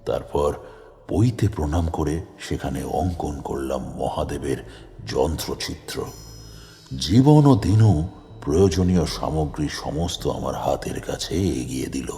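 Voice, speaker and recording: A man narrating a horror audio story in the first person in a slow, grave way, sometimes chanting. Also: extremely low pitch, warm tone.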